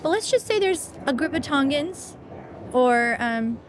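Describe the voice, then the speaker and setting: Chatty, animated woman guest. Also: sits high, a little slow, a little hiss or hum. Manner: animated, chatty, many fillers. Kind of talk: casual conversation about faith.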